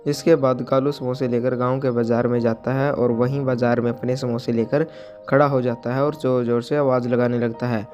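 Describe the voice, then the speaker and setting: Brief: male story narrator, monotone reading, faint music bed. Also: medium pitch, moderate pace.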